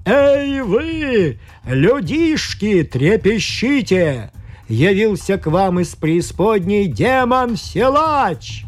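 A man voicing a boastful, bullying demon strongman who bellows in slow, drawn-out words. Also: high-pitched, very animated, pitched above the performer's own voice, exaggerated voice. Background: faint music.

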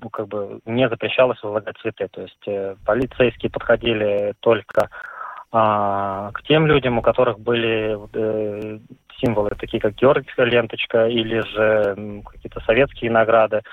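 A male regional correspondent reports live down a tinny phone line. His voice sits fairly low, and the sound is dry and narrow. He talks haltingly and fills gaps with "uh" and "um". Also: fairly even intonation, no room sound. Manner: hesitant, many fillers. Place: city in eastern Latvia.

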